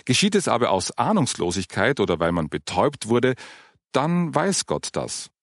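A man voicing a patient woman who explains matters of faith, in an earnest, gentle manner. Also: mid-range voice, very animated, moderate pace, no echo, clean studio sound. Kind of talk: audiobook character reading.

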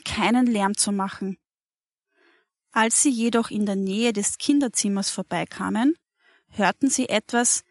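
Woman reading a story, gravelly voice. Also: fairly high pitch, no echo, studio quality. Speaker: narrator.

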